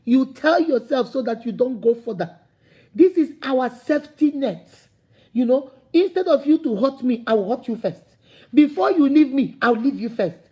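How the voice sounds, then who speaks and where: A woman motivational speaker with a Nigerian accent uses a high, expressive voice that is dark in tone with a breathy edge, moving at normal speed. Her impassioned, preachy delivery keeps repeating points before surging into emphatic calls.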